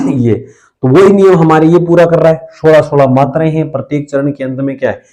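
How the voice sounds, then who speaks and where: Guy teaching hindi poetry meter, warm mellow voice, counts beats out loud, says okay a lot, clears his throat sometimes. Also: a little high, steady tone, brisk, poor audio. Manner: explanatory, counts syllables aloud, checks in with repeated "okay". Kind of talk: classroom lesson on Hindi poetic meter.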